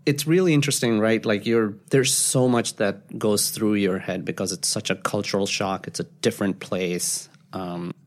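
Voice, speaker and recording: A man, a podcast guest who tells stories in a casual, animated way. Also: on the low side, moderate pace, few pauses. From Pakistan. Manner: animated storyteller, acts out quoted voices. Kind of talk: casual storytelling interview.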